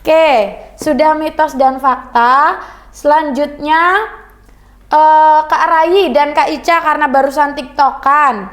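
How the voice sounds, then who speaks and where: A woman's voice: sits high, takes it slowly. A young woman leading a communication training class, playful and teasing with her students. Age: young adult. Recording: echoey classroom.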